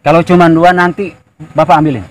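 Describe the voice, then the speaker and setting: A middle-aged man with a Sundanese accent, speaking gently as a father to his children in a comedy short film. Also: fairly high pitch, fairly even intonation, fairly quick.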